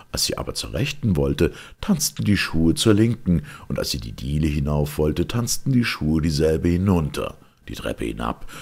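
An expressive audiobook reader narrates a fairy tale in a very deep, gravelly and very husky male voice.

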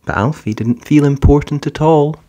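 A narrator reads a children's picture book aloud with expressive storytelling, in a mid-range voice at a moderate pace.

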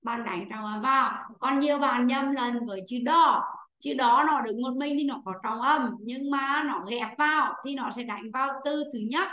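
Bright high-voiced woman teacher. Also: roomy sound, rough recording. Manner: explains slowly, repeats points to students. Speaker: English teacher. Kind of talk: online class teaching. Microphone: computer microphone on a video call.

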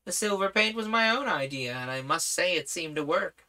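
A man voicing an eager, boyish young prince who chatters excitedly in a storybook reading. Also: high-pitched, normal speed, voice pushed up, full character voice. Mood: boyish excitement. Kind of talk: audiobook character voice.

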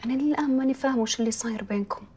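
An actress playing a sympathetic friend who offers comfort, speaking. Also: female voice, on the high side, rapid-fire, mellow, a little hiss or hum, close to an everyday voice. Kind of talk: TV drama acting.

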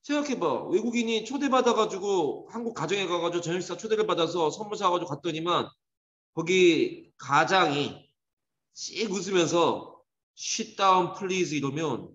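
A man teaching an English grammar lesson to a class, lively and teasing, scolding students. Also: high-pitched, normal speed. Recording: dull echoey classroom recording.

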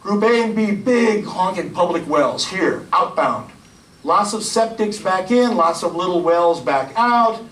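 A man in his forties giving a loud, energetic public science lecture to a room of listeners. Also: sits high, slight background noise. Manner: loud, energetic, gestures and points at slides. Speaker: county hydrogeologist giving a public talk. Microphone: lapel mic, filmed from the room. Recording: echoey room, voice from far off.

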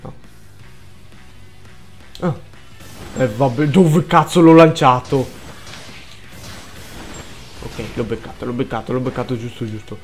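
A man's voice: mid-range voice, steady tone, takes it slowly, pauses often, soft background music. Swearing man commentating gameplay. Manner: swears a lot, frantic outbursts, mutters under breath. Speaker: gaming let's player.

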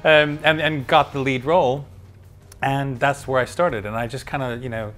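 A middle-aged male voice actor chats casually in an interview in a wood-paneled backstage room at an awards event. His medium-pitched voice is steady and fairly bright at a normal speed, and he's friendly and self-deprecating, often restarting his sentences.

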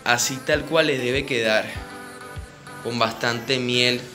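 A Venezuelan-accented man leads a home ritual and explains each step to the people watching. He talks directly to viewers and repeats his instructions over and over. His voice sits at an ordinary middle pitch, and music plays clearly behind him. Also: steady tone, slow. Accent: Venezuelan Spanish. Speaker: spiritist ritual guide. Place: indoor room with a home altar.

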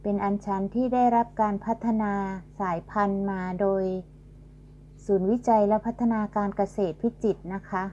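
With a warm tone and fairly even intonation, a middle-aged woman at medium pitch politely explains flowers on her garden channel, speaking at a moderate pace. She's filming outside on a handheld phone in a casual tour style. Expect dull, lo-fi sound and a faint hum.

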